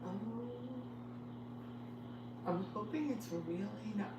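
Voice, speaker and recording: A woman's voice: mid-range voice, animated, slow pace, very noisy. A woman hosting a casual cooking livestream from a home kitchen, thinking aloud and unsure as she works. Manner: hesitant, thinking aloud while working. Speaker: lifestyle channel host. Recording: echoey room with loud kitchen clatter. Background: dishes and cutlery clatter.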